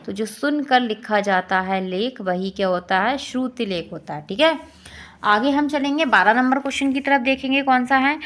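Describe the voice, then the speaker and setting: A woman's voice: on the high side, normal speed, a bit bright. A woman teacher with an Indian accent going through exam questions and answers, echoing each answer back as a quiz question. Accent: Hindi-belt Indian. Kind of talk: exam-prep lesson.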